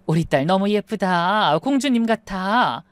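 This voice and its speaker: A woman voicing a tender middle-aged mother of the bride, speaking slowly. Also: fairly low pitch, no echo, close to an everyday voice. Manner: slow, tender.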